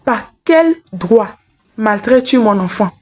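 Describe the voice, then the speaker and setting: A returned ghost mother speaks steadily and protectively, as a woman gives her voice. She reassures kindly but turns stern with quiet authority. Her voice sits slightly high. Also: measured pace, a little hiss or hum. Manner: calm, reassuring.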